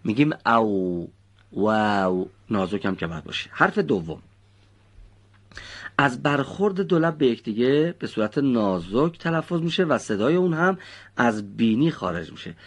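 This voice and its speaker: A man's voice: mid-range voice, big pitch swings, slightly rough. A man teaching children how to pronounce Quran recitation letters. He explains patiently and precisely and praises his students often.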